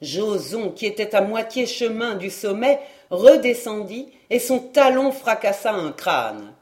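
An audiobook reader narrating a classic novel in the first person, in a measured, literary style. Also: mid-range voice, sing-song, a little mellow. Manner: slow, measured reading.

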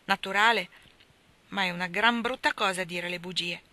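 A woman's voice: on the low side, normal speed, bright, forceful tone. A woman voicing an earnest, easily dismayed little boy in an audiobook. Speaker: reader voicing a character. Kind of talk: audiobook dialogue.

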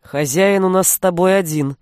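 A woman's voice: lowish voice, moderate pace, a little mellow, dry recording, natural voice. A woman reading an audiobook, voicing a stern old man, a grandfather and sorcerer, with a dry, commanding manner. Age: older.

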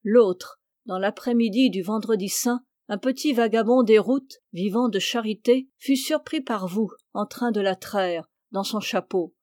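A woman reading the part of a calm young male clog-maker who coolly accuses an old man, in a dry recording. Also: mid-range voice, a little slow, few pauses, no room sound, natural voice. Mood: accusing.

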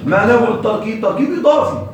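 Male grammar teacher, thirties, high voice, keeps quizzing the class, recorded from a distance in a very echoey room. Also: expressive, rapid-fire. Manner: quizzing students, repeating terms with rising questions.

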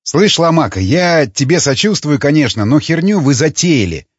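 Crude, touchy male survivor, read by a man; husky, dull lo-fi audio. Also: on the high side, sing-song, normal speed, no echo, pitched above the performer's own voice. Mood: resigned. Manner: crude, threatening. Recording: dull lo-fi recording.

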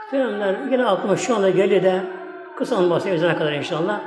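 An Islamic preacher delivers a religious talk in a mosque, his high voice moving fast as he rambles through folksy stories. He addresses the congregation as "my esteemed ones" over and over and keeps saying "like this." The hall is echoey with long reverb, and faint music plays in the background.

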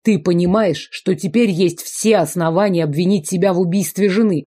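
A woman's voice: on the low side, moderate pace, mellow, close to an everyday voice. A woman voicing a stern, sarcastic young male minister from a fantasy audiobook, speaking in dry, stern tones.

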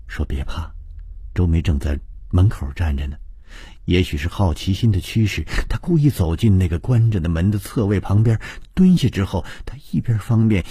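A man's voice: sits low, mellow, breathy edge, no room sound, studio quality. A man narrating a ghost story with suspense, his voice rising and falling expressively. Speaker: audiobook narrator.

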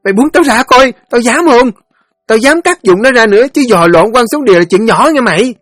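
A man voicing a foul-mouthed, shrill teenage village girl who screeches curses and fast threats. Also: lively intonation, dry recording, clean studio sound. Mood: furious.

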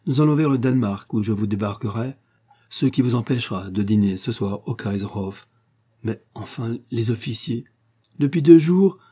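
Guy reading as a slick gentleman-thief baron, ironic and in charge, husky dark voice. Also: mid-range voice, lightly acted. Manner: smooth, commanding, ironic. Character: suave, cunning male gentleman-thief baron. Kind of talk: audiobook reading.

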